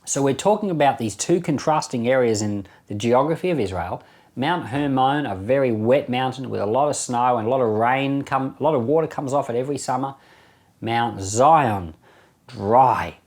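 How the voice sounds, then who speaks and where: Here a middle-aged pastor and Bible podcast host talks through scripture informally, at a normal speed in a mid-range voice. He explains in a chatty way and repeats phrases for emphasis.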